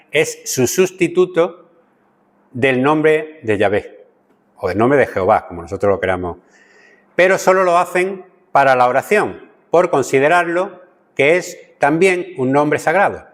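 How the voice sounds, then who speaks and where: A man gives a conversational Bible study lesson, often stopping to check in with his listeners and restarting his sentences. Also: mid-range voice. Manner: conversational teaching, frequent "¿vale?" check-ins and restarts. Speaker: Bible teacher. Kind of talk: church Bible study lecture. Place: church hall. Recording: long church-hall reverb.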